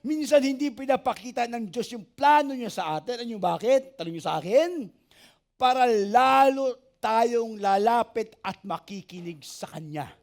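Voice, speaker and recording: A man, a pastor preaching an animated sermon, asking the congregation for amens and joking with them. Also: very high voice, moderate pace, gravelly. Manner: animated preaching, asks the church for amens and jokes with it.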